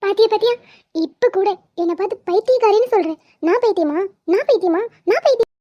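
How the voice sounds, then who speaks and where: A woman voicing a jealous, dramatic young wife in an animated comedy, whiny and accusing. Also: extremely high pitch, fast, dry recording. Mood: wailing. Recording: dull lo-fi sound.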